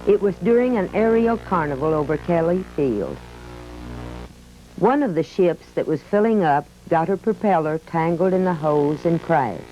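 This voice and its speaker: Her low, dark, natural-sounding voice moves at a moderate pace with lively intonation as she plays a retired army biplane telling its own story. The American-accented museum narration is scripted, folksy and reminiscent, captured in dull lo-fi audio with faint music.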